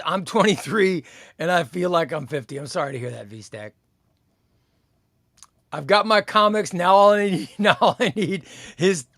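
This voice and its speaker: On a comics livestream, a man in his fifties reads out viewer comments in a casual, rambling way, often repeating phrases. His voice sits on the high side with a fairly bright tone.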